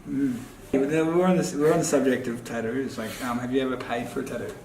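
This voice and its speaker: A man interviewing a friend, asking laid-back, halting questions and laughing often. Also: medium pitch, fairly even intonation, darkish tone. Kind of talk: casual chat. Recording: echoey room with crowd noise.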